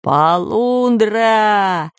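Woman doing slow gruff pirate man. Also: extremely low pitch, lively intonation, dry recording, studio quality, voice pushed down, exaggerated voice. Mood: shouting. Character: red-bearded male pirate, grumbling.

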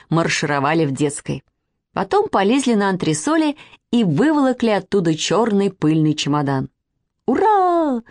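A woman reading a children's story aloud as narrator, in a lively, playful and expressive way. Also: low-pitched, no room sound, clean studio sound.

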